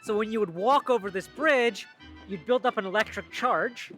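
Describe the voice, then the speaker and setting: A man's voice: high voice, moderate pace, fairly bright tone, faint music behind. A man hosting a casual travel vlog outdoors in a park, playful and joking, laughing often. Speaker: vlogger host.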